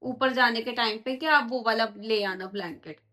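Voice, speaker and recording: A woman's voice: a little high, normal speed, pushed and bright. A woman, vlogging an insistent, reproachful argument with her husband at home in the bedroom. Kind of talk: casual bickering at home.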